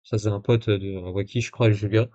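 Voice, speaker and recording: A man's voice: lowish voice, fairly even intonation, a little fast, mellow, dull audio. A man commenting casually on a live stream, full of fillers and restarts, with sarcastic asides while he reads messages aloud.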